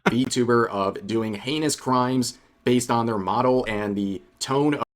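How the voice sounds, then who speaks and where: A man's voice: mid-range voice, measured pace. A man narrating a commentary video as an online drama commentator.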